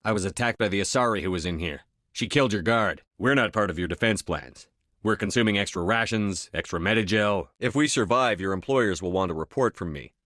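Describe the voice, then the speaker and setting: Game lead: hardened male military commander acted by a man, lowish voice, clipped firm delivery, close dry sound. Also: fairly bright tone, no echo, close to an everyday voice. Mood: firm, probing. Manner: terse, firm, authoritative. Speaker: video game lead voice actor. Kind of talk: scripted game dialogue.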